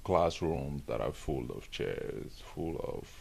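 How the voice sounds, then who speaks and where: A young man from Mauritania talks about his studies in a matter-of-fact way. His voice sits extremely low and has a gravelly fry, with faint hiss behind it. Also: animated, takes it slowly. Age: young adult. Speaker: student. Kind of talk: interview answers.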